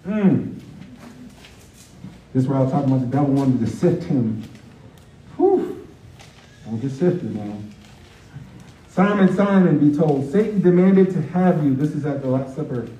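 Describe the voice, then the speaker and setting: A man's voice: fairly high pitch, unhurried, pauses often, slight background noise. A man preaching a sermon with energy, reading scripture aloud and mixing in sports talk. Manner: energetic, uses football metaphors, reads scripture aloud. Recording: roomy, distant, dull mic sound.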